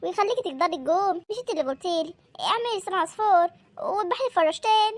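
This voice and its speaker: A woman's voice: very high voice, animated, racing. A woman voicing a caring young village daughter with an Upper Egyptian accent. She coaxes and pleads with her sick mother. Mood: coaxing. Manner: coaxing, pleading.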